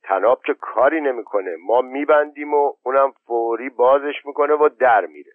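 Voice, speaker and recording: Reader voicing a spiteful, quarrelsome young villager, voice raised; phone-thin, dry sound. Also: male voice, mid-range voice, dry recording, pitched above the performer's own voice, natural voice. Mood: scornful. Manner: scornful, quarrelsome. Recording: tinny phone-like narrow band.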